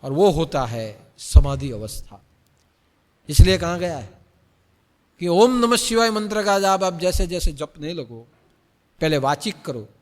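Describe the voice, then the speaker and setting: Man as spiritual teacher, sermon delivery, repeats lines, loud then hushed, higher lively voice, long hall reverb. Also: a little slow, pauses often. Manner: repeats phrases, swings between loud urging and soft hush. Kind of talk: Hindi spiritual discourse.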